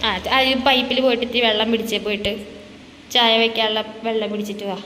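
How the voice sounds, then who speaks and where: A high-pitched woman chats with her toddler in a coaxing, sing-song voice, asking question after question. The sound is roomy, with a long reverb tail and a faint hum of background noise, as if from a home kitchen. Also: steady tone, fast, bright, forceful tone. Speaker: vlogger and mother. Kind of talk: casual chat with a small child.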